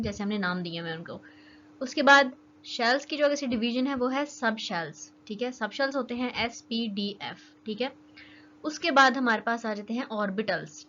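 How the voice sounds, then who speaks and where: Young female teacher, chatty explainer, slightly high voice, dull lo-fi sound with faint hiss. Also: fairly bright tone. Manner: chatty, keeps checking in with "okay". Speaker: chemistry teacher. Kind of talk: casual explanatory lesson. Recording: dull lo-fi recording with faint noise.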